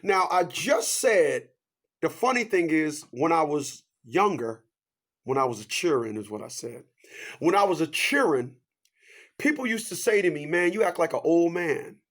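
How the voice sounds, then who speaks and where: A fifty-something man delivers a preachy motivational monologue in a fairly high voice. He fires rhetorical questions and repeats his catchphrases, swinging hard between loud, lifted lines and low, hushed asides. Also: expressive, moderate pace. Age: 50s.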